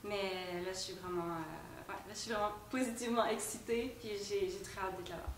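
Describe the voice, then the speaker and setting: A woman's voice: mid-range voice, steady tone, moderate pace. A woman from Canada answering interview questions casually, with many fillers. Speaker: volunteer. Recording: echoey room, far from mic, noisy.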